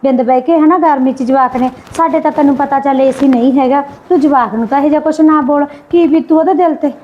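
A woman's voice: sits high, quick pace, muffled recording, slight background noise, close to an everyday voice. A woman playing a pleading, placating young mother. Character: patient, pleading young mother defending her son. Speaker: visiting daughter and mother.

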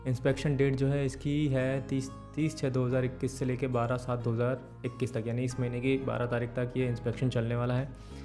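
Fast-talking young man hosting an explainer. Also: medium pitch, soft background music. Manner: steady, brisk delivery mixing in English words. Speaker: channel host. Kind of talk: explainer talk to camera. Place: indoor studio with green backdrop. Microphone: desk microphone in front.

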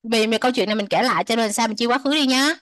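A woman teaching English to children, repeating words slowly, translating them and chatting with soft sentence endings. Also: on the high side, dry recording. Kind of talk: explaining a textbook lesson to children.

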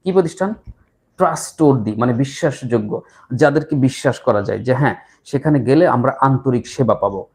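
A man leads a live online English class in a middle-pitched voice. He talks briskly between drills, then slows right down to repeat short phrases again and again. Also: lively intonation. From Bangladesh. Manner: slow, repetitive drilling of phrases with pauses. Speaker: English tutor.

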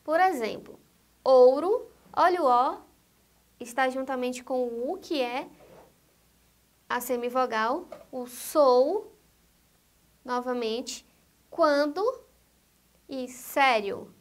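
A woman with a Brazilian Portuguese accent teaching a grammar lesson, saying each example word twice in a deliberate way. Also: high voice, lively intonation.

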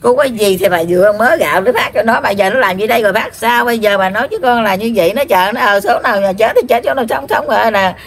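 Speaking at a medium pitch, a woman medium in trance voices a grandmother spirit in a Southern Vietnamese accent. She scolds and rambles on, going over the same points again and again with long, dragged-out fillers.

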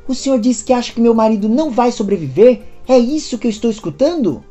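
Lady reading as a scared soap mom, pleading, lots of up-and-down questions, darkish mellow tone. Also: a little high, lively intonation, fast talker, soft background music, voice pushed up, lightly acted. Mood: anguished. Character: worried middle-aged mother and wife.

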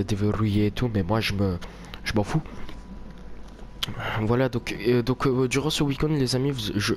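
A man doing casual, jokey, rambling let's play commentary as a spooked, grumbling horror game streamer who swears a lot. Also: fairly low pitch. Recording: noisy home game recording. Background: horror game ambience.

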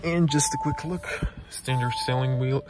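A young man whose first language is Croatian, giving a casual walkaround car review in a showroom, talking haltingly with many fillers into a handheld camera. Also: mid-range voice, over loud music. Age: young adult. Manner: halting, many fillers, non-native phrasing. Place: car dealership showroom, inside a car. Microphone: handheld camera close to face.

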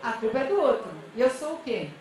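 A woman's voice: a little high, big pitch swings, fast, darkish tone. A woman giving an interactive conference talk, speaking conversationally and often checking in with her audience. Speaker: lecturer at a public-sector conference. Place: large convention center auditorium. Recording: echoey hall, voice from a distance.

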